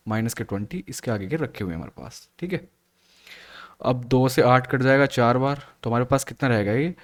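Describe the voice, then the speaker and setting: A male math teacher solving exam questions aloud, asking and answering his own questions as he works. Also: mid-range voice. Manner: steady step-by-step explaining, asks and answers own questions. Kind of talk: exam solution walkthrough.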